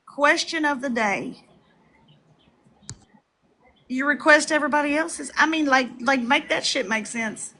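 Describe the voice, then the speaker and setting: A young woman on a live stream, ranting and gossiping in a loud, profane way, with laughs and shouted lines. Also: sits high, measured pace, pauses often, low-quality recording. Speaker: livestreamer. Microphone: phone.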